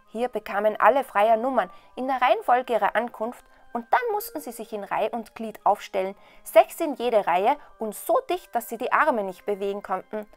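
A woman storyteller reading a fairy tale in a lively, expressive way. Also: on the high side. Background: soft waltz music.

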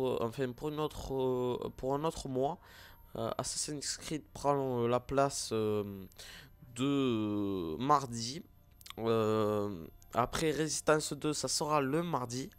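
A man's voice: medium pitch, clear, resonant tone. A man with a regional accent, a gaming YouTuber, talking casually to his viewers with many fillers and restarts. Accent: French-speaking regional accent. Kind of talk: casual vlog talk to viewers.

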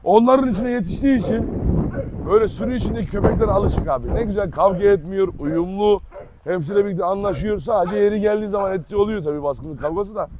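A man from Turkey hosting a casual vlog outdoors in a dog yard, loud and teasing, coaxing the dogs with pet names. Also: high voice, fast talker, crowd noise. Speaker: dog channel host.

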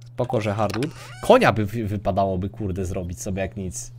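A man's voice: on the low side, moderate pace, slight background noise. A young man casually commenting on his gameplay for viewers, chatting and thinking aloud as he plays. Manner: chatty, talks to viewers and girlfriend off-mic, mixes English gaming words. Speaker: streamer.

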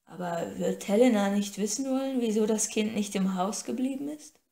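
A woman voicing a huge, slow-witted female slave who speaks slowly and haltingly with a changed timbre. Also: medium pitch, gravelly, warm tone, echoey room, natural voice. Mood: worried whispering.

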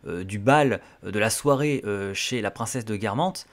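A man hosting a literature channel, explaining in a casual, halting way with frequent hesitations. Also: fairly low pitch.

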